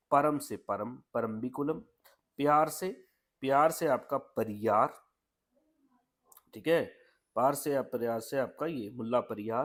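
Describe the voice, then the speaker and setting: A man teaching an exam lesson in a chatty, repetitive way, mixing English words into Hindi. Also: mid-range voice. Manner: chatty, repeats "ठीक है" often.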